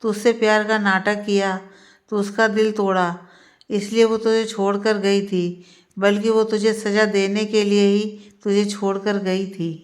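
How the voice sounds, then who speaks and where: A stern middle-aged mother who presses the same point again and again in a storybook tale, as a woman narrator voices her. The delivery is flat and level, middle in pitch, insistent and reproachful. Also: measured pace, close to an everyday voice. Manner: insistent, repeating claims.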